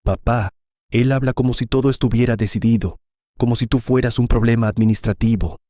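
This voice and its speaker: A man's voice: mid-range voice, steady tone, brisk, mellow, no room sound, lightly acted. Man voicing a worried teenage son.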